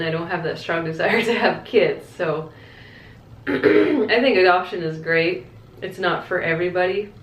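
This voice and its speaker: A woman with a slightly low voice talks casually, as in a question-and-answer vlog. She is candid and reflective, keeping things conversational. The room around her is clearly echoey. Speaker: vlogger answering viewer questions. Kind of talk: casual chatty Q&A to camera. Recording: echoey, roomy sound.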